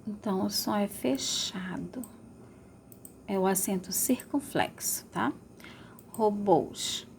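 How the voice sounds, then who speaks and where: A woman's voice: medium pitch, unhurried, vocal fry, a little hiss or hum. A woman teaching a remote school lesson, stretching out words to model their sounds and checking in with pupils often.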